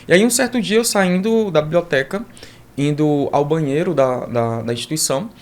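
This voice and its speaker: A man who is a podcast guest, telling his own story in an animated way, full of asides and tag questions. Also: on the high side, moderate pace. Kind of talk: personal storytelling in an interview.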